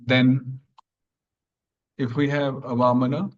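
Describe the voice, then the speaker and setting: A man teaching an online grammar class, explaining patiently step by step and clearing his throat now and then. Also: medium pitch, flat delivery, slow pace, highs cut off.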